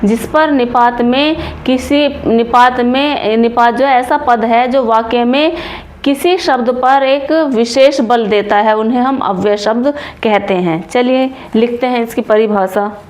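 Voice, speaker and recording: Slow, higher-pitched woman teaching grammar. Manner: repeats words slowly while writing them out. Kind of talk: classroom explanation, dictating notes.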